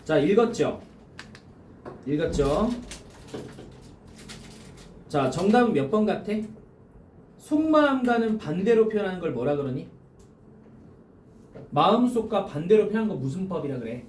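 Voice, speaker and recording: A male high school teacher lecturing a classroom through exam questions, constantly quizzing students and repeating key phrases. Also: sing-song, unhurried, pauses often, darkish tone, slight background noise. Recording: echoey classroom heard from a distance.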